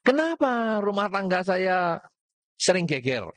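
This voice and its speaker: A man's voice: high-pitched, big pitch swings, measured pace, fairly bright tone, dry recording. A man giving a Buddhist Dhamma talk, putting rhetorical questions to his audience and mixing in words. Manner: mixes in Javanese words.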